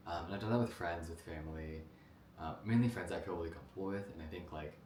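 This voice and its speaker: Young guy from jersey just yapping to the camera, low voice, um and like everywhere, kinda echoey room. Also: fast talker, darkish tone, a little hiss or hum. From New Jersey, United States. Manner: rambling, lots of "like" and "um", restarts. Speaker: vlogger. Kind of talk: casual talk to camera about his life. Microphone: camera mic.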